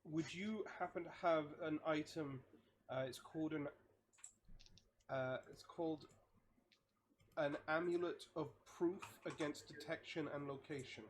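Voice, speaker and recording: A man's voice: on the high side, measured pace, long pauses, slight background noise. A man playing a tabletop game, talking casually and rephrasing as they go.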